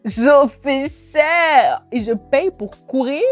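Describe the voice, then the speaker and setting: A woman in her twenties who immigrated to Canada chats casually with viewers as a lifestyle vlogger. Her voice is high-pitched and slow, and her delivery is animated and informal, full of slang with some English mixed in. Background music plays behind her.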